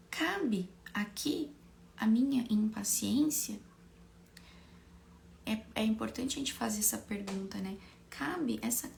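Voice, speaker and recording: A Brazilian woman, a bit hoarse from a cold, teaches an informal online class, explaining conversationally and leaning on tag questions and rhetorical questions. Her voice is a little high with a darkish tone, over slight background noise.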